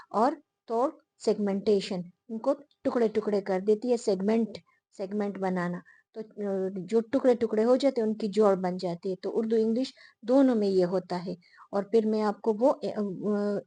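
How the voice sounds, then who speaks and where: A woman teacher explaining a lesson to her viewers, repeating the key terms slowly and pausing often with fillers. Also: mid-range voice, mellow, no room sound. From Pakistan.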